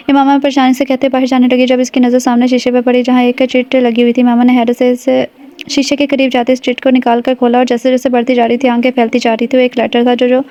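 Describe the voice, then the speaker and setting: A woman narrating a romance novel in steady, even storytelling. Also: on the high side, no echo, dull audio. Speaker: audiobook narrator.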